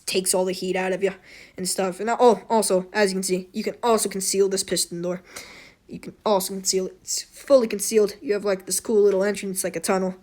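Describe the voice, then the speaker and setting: A woman hosts an informal game tutorial in a hoarse voice with a slight wheeze. She rambles along off the cuff, often apologetic and poking fun at herself. Her pitch sits in the middle for a woman. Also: darkish tone. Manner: rambling, self-deprecating, apologetic. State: hoarse throat. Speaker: tutorial host. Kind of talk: casual unscripted game tutorial commentary.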